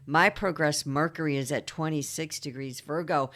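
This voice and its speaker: A woman's voice: low-pitched, fairly even intonation, moderate pace, fairly bright tone. A woman astrologer giving an emphatic, preachy reading, often repeating herself for stress.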